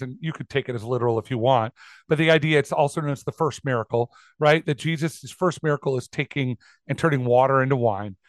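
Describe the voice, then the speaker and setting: Dry-sounding man with a higher voice. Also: dry recording. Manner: animated, mock voices in asides. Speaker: podcast co-host. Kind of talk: casual commentary on sermons.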